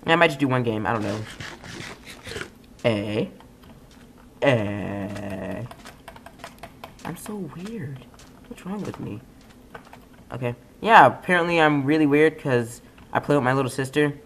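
A young man giving casual, rambling commentary over a game, trailing into mumbled asides and then suddenly yelling. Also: medium pitch, measured pace, pauses often, slight background noise. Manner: rambling, excitable, swings between mumbling asides and sudden yells. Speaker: gaming YouTuber. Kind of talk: casual let's-play commentary.

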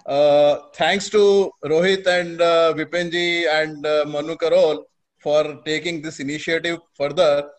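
A man's voice: on the high side, steady tone, a little slow. An older man with an Indian accent giving an informal, hesitant vote of thanks on a video call. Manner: hesitant, rambling. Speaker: webinar participant giving thanks. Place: living room at home, video call. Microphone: wired earphones.

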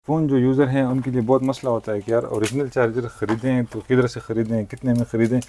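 Shopkeeper in a brisk sales pitch. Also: male voice, little pitch movement, mellow, a little hiss or hum. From Pakistan. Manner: brisk salesman patter, frequent "thik hai" and "janab-e-wala". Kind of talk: product demonstration sales pitch. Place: shop in an indoor market.

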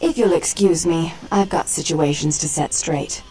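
Haughty female vampire proprietor for a video game, slightly low voice, formal and cool. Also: normal speed, warm tone, soft background music, low-quality recording. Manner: formal, poised and condescending. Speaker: vampire club owner.

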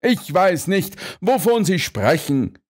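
A man reading an audiobook, voicing a blustering, indignant restaurant owner who protests loudly and huffily. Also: high voice, very animated, takes it slowly, voice pushed up, exaggerated voice. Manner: huffy, loud, protesting.

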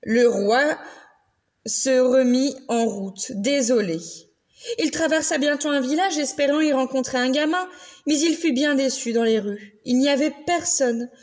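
A woman reading a children's picture book aloud, slow and very expressive. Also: high-pitched. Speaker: children's story reader.

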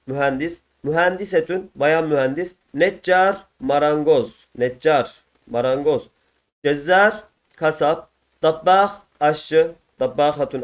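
Male teacher, Turkish accent, slightly high voice, patient textbook walkthrough that repeats words for learners. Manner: explains patiently, repeats each word twice, addresses viewers as friends. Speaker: Arabic teacher. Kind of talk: textbook answer walkthrough lesson.

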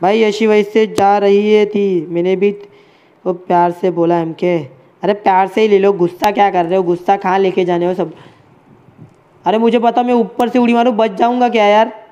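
Chatty game streamer, lo-fi mic. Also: male voice, high voice, fairly even intonation, normal speed, dark tone. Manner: chatty, addresses chat and friends as bhai. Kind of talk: casual live game commentary.

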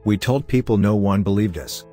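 Faint, soft music sits under a man's very deep voice as he calmly and steadily narrates horror tales.

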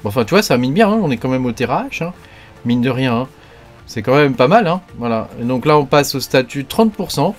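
A man's voice: mid-range voice, lively intonation, brisk, soft background music. A man hosting a joking video about crypto mining, talking loosely with constant fillers and small restarts. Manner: rambling, heavy fillers and verbal tics. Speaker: crypto YouTuber. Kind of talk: joking casual video talk.

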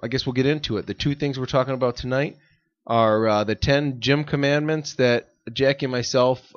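A man's voice: mid-range voice, fairly even intonation, moderate pace, no echo. A man co-hosting a casual fitness podcast, rambling and laughing often. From United States. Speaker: podcast co-host. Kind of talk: casual chat. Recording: dull lo-fi audio.

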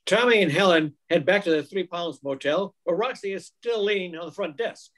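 Speaking from his living room over a video call, a man in his sixties reads scripted narration for an old-time radio mystery. His voice sits high with a fairly bright tone, and he reads fairly quickly.

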